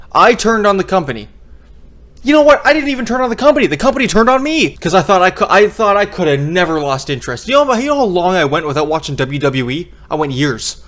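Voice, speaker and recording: A man with a somewhat high voice talks through his wrestling opinions as a video creator. He is casual but emphatic, hammering phrases by repeating them. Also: fairly bright tone.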